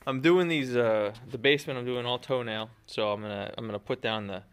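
A thirty-something man vlogs the construction of his house outdoors in the woods, phone held at arm's length, speaking casually and rambling with fillers and self-deprecating asides. He talks fairly quickly in a smooth, medium-pitched voice.

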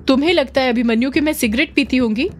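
A woman voicing a proud young woman speaking with cold, restrained anger in a spoken horror story, pitched higher. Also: quick pace, faint music behind. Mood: sharp.

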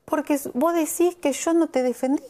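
A woman's voice: sits high, moderate pace, mellow. A woman with an Argentine accent, a reality show contestant in a heated argument, insistently checking that she is understood. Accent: Argentine Spanish. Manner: insistent, keeps asking "¿entendés?".

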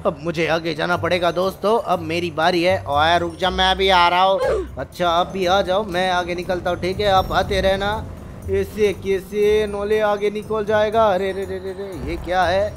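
A man hosting a gaming channel, giving playful gameplay commentary with character voices in an excitable, teasing manner full of exclamations. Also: high-pitched, moderate pace, faint music behind.

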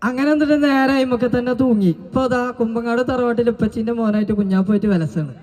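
A man's voice: extremely high pitch, rapid-fire, a little mellow. A man doing playful live stage comedy banter. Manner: playful, teasing the crowd. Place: stadium stage before a crowd. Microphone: handheld stage mic. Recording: reverberant open-air stage. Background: crowd.

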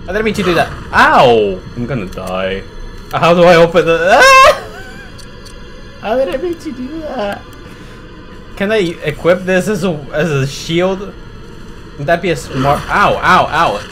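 A man's voice: on the high side, sing-song, moderate pace, fairly bright tone, faint music behind. Jumpy, swearing male game streamer. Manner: panicky, cursing, yelps and rambles at the game. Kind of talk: live gameplay commentary.

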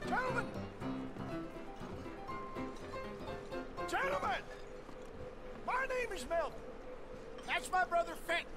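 High-pitched, theatrical western huckster. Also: male voice, sing-song, unhurried, over music, heavily acted. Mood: boisterous, theatrical. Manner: theatrical, wheedling showman patter. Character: sly, boisterous male saloon huckster in the Old West. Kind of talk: western video game acting.

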